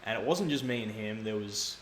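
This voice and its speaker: In a casual chat, a man with a lowish voice tells stories at a fairly quick clip, wandering off on tangents and fixing his own statements along the way. He's a guest speedrunner, recorded in an echoey room with a bit of background noise.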